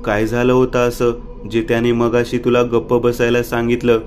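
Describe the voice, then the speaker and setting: A man's voice: medium pitch, completely flat delivery, moderate pace, a little mellow, soft background music, lightly acted. A man voicing a curious young male friend in a storybook reading.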